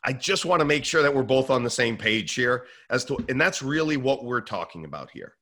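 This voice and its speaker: Bright, energetic American man telling stories. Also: medium pitch, fairly quick. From Northeast US. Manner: energetic, acts out dialogue with kids. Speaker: podcast guest, leadership author. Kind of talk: animated storytelling in conversation.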